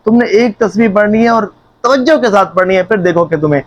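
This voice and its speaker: A man doing a gentle old holy elder. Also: high voice, voice pushed up, lightly acted. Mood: gently firm. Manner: fatherly, calls listener son.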